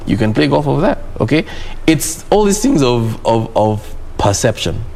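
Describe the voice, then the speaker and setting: A man's voice: mid-range voice, big pitch swings, moderate pace, creaky, a little mellow, slight background noise. Emphatic man co-hosting a sports talk show. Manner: emphatic, punctuates points with "okay?". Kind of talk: studio discussion.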